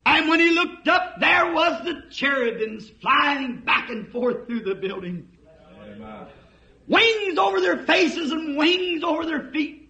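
A man preaching a fiery revival sermon, impassioned and breaking into shouts. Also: very high-pitched, animated, takes it slowly, gravelly. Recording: dull lo-fi archive recording.

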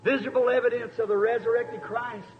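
A man preaching an impassioned sermon, building to fervent shouts and drawn-out pleas. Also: extremely high pitch, level tone, phone-quality sound, crowd noise.

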